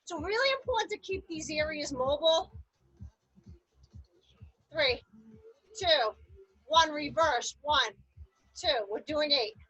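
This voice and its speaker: Bright, high-voiced woman aerobics instructor. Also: slow, long pauses, no echo, poor audio. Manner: aerobics instructor cueing, energetic and encouraging. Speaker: aerobics instructor leading a seated chair workout. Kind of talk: instructional exercise class cueing with counted reps.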